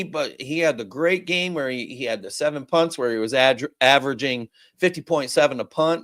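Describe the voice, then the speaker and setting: A man's voice: mid-range voice, no room sound. Male sports podcast host, casual and fired-up, swears freely, dry close sound. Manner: animated, profane, rambling.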